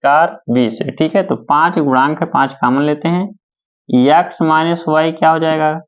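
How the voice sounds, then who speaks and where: A man's voice: on the high side, steady tone. A male math teacher, working through problems step by step and asking questions back to his students. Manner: slow, repeats steps and asks questions back to students. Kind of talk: board-work math lesson. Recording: dull lo-fi sound.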